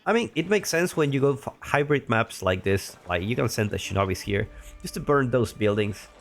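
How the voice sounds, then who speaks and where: This game caster has a medium-pitched, animated voice and a moderate pace, though being a little sick makes it deeper than usual. His commentary on the strategy match rambles along chattily, full of restarts and asides.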